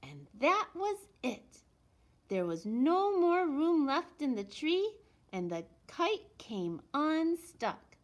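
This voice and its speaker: A woman reads a children's picture book aloud in an expressive storytelling manner, with deliberate pauses and emphasis. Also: high voice. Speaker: elementary school storytime reader.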